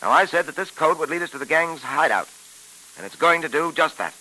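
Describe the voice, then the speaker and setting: Dick Tracy on an old radio show. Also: male voice, a little high, lively intonation, brisk, sharp tone, full character voice, rough recording. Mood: explaining. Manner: patient, lecturing, self-assured. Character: calm, clever male police detective who explains patiently. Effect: old radio show broadcast. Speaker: detective. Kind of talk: 1940s radio acting.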